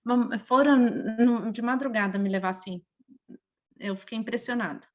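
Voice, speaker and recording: Brazilian woman, podcast guest, slightly high voice, lively and emotional storyteller. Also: moderate pace. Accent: Brazilian Portuguese. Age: adult, mother of a young child. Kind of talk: casual interview conversation.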